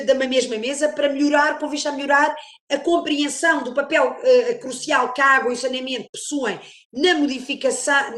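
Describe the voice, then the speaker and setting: A woman giving a semi-formal presentation, halting as she searches for words. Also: high voice, fairly bright tone. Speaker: workshop speaker. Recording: roomy, echoing sound.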